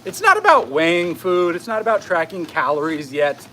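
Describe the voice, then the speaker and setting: A man with a high-pitched voice gives an off-the-cuff motivational coaching talk while exercising at a brisk treadmill walk. He keeps it conversational and often tags his points with a questioning check-in. There is some background noise in the recording. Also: huge pitch swings, sharp tone. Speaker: fitness coach giving a live talk.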